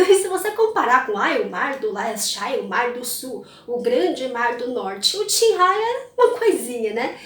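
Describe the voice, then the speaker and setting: Woman chatting thru a myth story, highish voice, kinda distant and echoey. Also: fairly bright tone. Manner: chatty, adds tag questions. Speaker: storyteller of a culture channel. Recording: roomy, mic at a distance.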